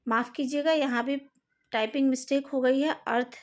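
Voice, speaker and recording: A woman's voice: high voice, fairly even intonation, normal speed. A woman teaching a recorded lesson, carefully sounding out each vowel and speaking directly to her students. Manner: speaks to students directly, asks them to fix slides. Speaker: Hindi teacher.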